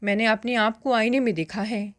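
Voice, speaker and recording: A woman reading a story aloud and voicing a dreamy, carefree young woman in love, soft, slow and wistful. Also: on the high side, steady tone, no room sound, studio quality, lightly acted. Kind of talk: first-person story narration.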